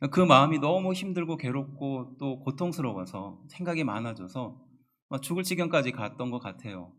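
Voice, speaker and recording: A man preaching in a steady voice of middle pitch. He explains scripture patiently and often asks his congregation questions. He slows down to stress the key phrases. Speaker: pastor. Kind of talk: sermon.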